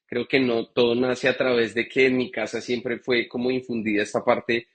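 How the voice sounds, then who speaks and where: Speaking at a moderate pace with a flat delivery and a breathy edge, this medium-pitched man is a Bogotá bartender with a Colombian Spanish accent. He recounts his story chattily in a live video-call interview, full of fillers and restarts.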